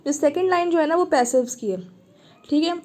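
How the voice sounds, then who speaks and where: A woman teaches an Arabic grammar lesson with a high, soft, mellow voice. She explains patiently, says each word more than once and keeps asking whether her students follow. The talk is steady and clear, with no hurry. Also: a little fast. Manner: patient, repeats words and checks understanding.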